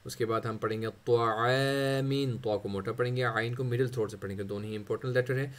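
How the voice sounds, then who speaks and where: A man teaching Quran recitation in Urdu with a Pakistani accent. He spells out letters and stretches each sample word slowly between quick explanations. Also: medium pitch, fairly even intonation. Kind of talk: tajweed lesson, spelling out letters and drawn-out recitation.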